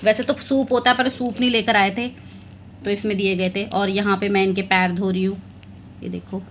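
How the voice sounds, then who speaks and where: A young woman vlogger chats casually with her viewers while showing her wedding album. She talks in an easy, chatty way, breaking into laughs between remarks at a middle pitch. A faint hiss runs under the recording. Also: flat delivery, moderate pace.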